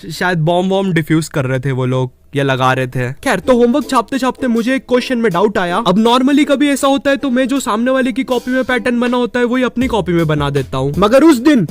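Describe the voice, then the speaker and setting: A man's voice: extremely high pitch, brisk, few pauses, faint music behind. A young man telling funny school stories about himself in a playful, self-mocking way. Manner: playful, self-mocking, swinging between voices. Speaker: comedy storyteller. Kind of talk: comedic storytelling monologue.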